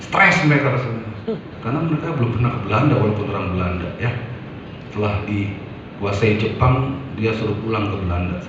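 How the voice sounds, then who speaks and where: A man giving a lecture to an audience, telling history like a story with lively sound effects. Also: lowish voice, fairly quick, noisy background. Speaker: preacher. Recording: echoey hall, distant mic, muffled.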